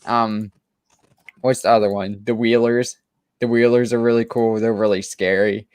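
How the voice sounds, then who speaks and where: Low-voiced man rambling about comics. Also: little pitch movement, moderate pace, a little mellow, smooth, no echo. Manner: enthusiastic, rambling with many restarts and fillers. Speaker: co-host of a comic book show. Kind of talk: casual chat.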